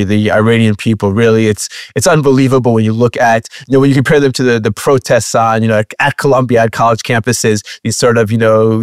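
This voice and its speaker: A man's voice: mid-range voice, no room sound, studio quality. A man co-hosting a podcast, chatting casually with fillers and restarts, then introducing the show and a guest. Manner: conversational, with frequent fillers and restarts. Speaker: podcast co-host.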